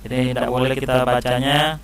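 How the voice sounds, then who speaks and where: A man's voice: medium pitch, little pitch movement, a little fast, clear, resonant tone, rough recording. Patient male religion teacher for children. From Indonesia. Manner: patient, explains step by step with frequent "ya". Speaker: Islamic studies teacher. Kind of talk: classroom lesson for children.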